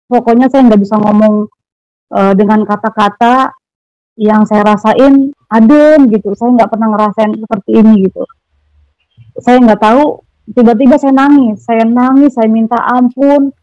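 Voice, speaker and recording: A woman's voice: on the high side, steady tone, normal speed, pauses often, dark tone, dry recording. Hesitant Betawi woman, muffled dry sound. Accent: Jakarta Betawi. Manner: hesitant, many fillers. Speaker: testimony guest. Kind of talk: personal testimony interview.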